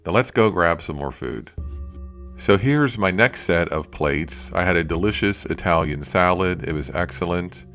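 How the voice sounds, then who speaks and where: A man's voice: low-pitched, normal speed, fairly bright tone. A man narrating a food review vlog as a voice-over in a plain-spoken, itemizing way. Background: music.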